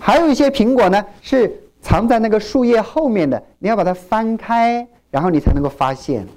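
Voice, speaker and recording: A Chinese pastor delivers a sermon in a mid-range voice at a slightly quick clip. He's animated, putting questions to the congregation and acting out the words of churchgoers he quotes.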